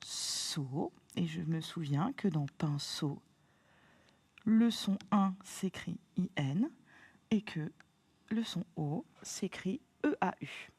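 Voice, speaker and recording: A woman's voice: fairly low pitch, animated, slow, a little mellow, slightly rough, no room sound. A woman teacher giving a remote lesson to young pupils, patient and encouraging, spelling words out letter by letter. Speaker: primary school teacher.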